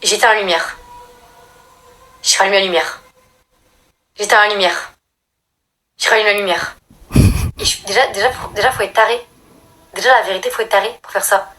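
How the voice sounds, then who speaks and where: A young woman from France, a regular storyteller, tells a scary childhood story in casual slangy chat, bursting into loud high voices. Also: fairly even intonation, moderate pace, pauses often, a little hiss or hum. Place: at home doing makeup.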